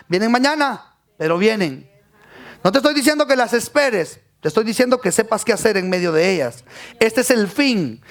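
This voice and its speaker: A man preaches from the pulpit. He rises and falls as he speaks, calling out questions to his congregation. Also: high voice. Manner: preaching with rising calls to the congregation. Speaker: pastor. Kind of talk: sermon.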